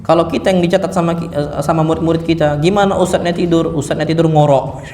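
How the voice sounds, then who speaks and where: A man giving a lively mosque lecture to a seated audience, acting out sounds and stories as he preaches. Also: fairly high pitch, fast. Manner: lively, animated, acts out sounds and punchlines. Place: mosque hall. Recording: echoey mosque hall, faint noise.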